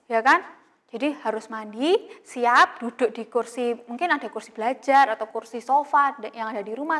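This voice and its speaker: A woman's voice: sits high, pushed and bright. A young woman teaching an online Sunday school lesson, talking to children in a chatty, coaxing way with lots of fillers.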